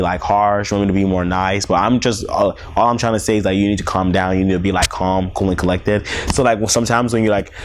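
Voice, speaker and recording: Speaking with a Nigerian accent on the low side, this young man, a native Yoruba speaker from Nigeria, gives hesitant, informal interview responses. He leans heavily on "like" as a filler.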